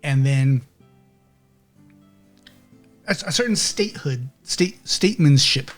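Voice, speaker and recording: A man's voice: medium pitch, expressive, takes it slowly, soft background music. A man narrating a tabletop game as game master, rambling and checking in with "okay?".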